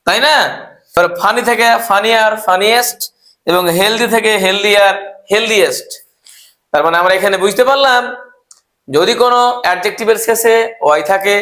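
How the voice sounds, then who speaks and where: Male tutor, bright high voice, patient letter-by-letter spelling, roomy echo. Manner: spells words letter by letter, asks questions of students. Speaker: English teacher. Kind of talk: grammar lesson.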